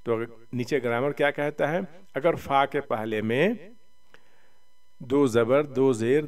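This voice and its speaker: A man teaching Quran reading, spelling out Arabic letters syllable by syllable in a slow, drawn-out way, with quick explanatory asides. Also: mid-range voice, distant mic. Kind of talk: spelling-out recitation lesson.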